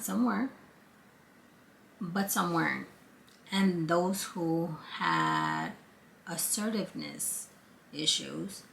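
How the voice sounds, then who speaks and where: A woman's voice: fairly low pitch, creaky, a bit bright, a little hiss or hum. A woman with a Brooklyn accent chatting casually and encouragingly to viewers in an earnest, conversational motivational vlog. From born in Guatemala, lived in Brooklyn, New York for many years. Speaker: vlog host, former counselor.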